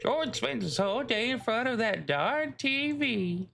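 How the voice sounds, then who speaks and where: A fussy old grandmother quavers in a high, bright voice, a little gravelly at the bottom. It's a man putting on the old-lady voice. She sounds nosy and prim. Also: animated, a little slow, slight background noise, heavily acted.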